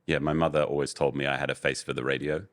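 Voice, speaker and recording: A young adult man with a very deep voice, telling candid stories in a casual podcast interview as a guest. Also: fast. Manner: relaxed, candid storytelling with many fillers. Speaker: guest, voice-over artist and agency owner.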